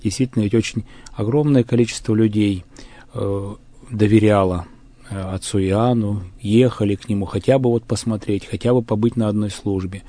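A man in a religious discussion, speaking haltingly with many fillers and restarts. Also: fairly low pitch, steady tone, dark tone, no echo.

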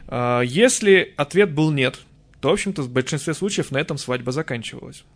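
A man from the Urals, a folklorist guest, telling stories of old customs in a lively casual interview, acting out quotes. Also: a little high, a little fast. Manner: lively, storytelling with acted-out quotes.

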